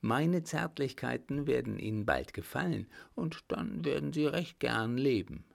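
A man's voice: medium pitch, expressive, measured pace, gravelly, pitched above the performer's own voice. A man doing a sneering, cruel baron. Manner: sneering, laughing. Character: scheming baron, mocking, cruel, self-assured.

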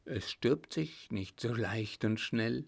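A man's voice: mid-range voice, expressive, takes it slowly, creaky, husky, exaggerated voice. A man doing a sneering, cruel baron. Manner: sneering, laughing. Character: scheming baron, mocking, cruel, self-assured.

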